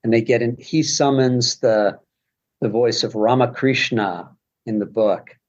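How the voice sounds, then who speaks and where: A man's voice: mid-range voice, measured pace, lo-fi sound. A man speaking as a podcast guest, rambling casually with many restarts. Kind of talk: casual conversation.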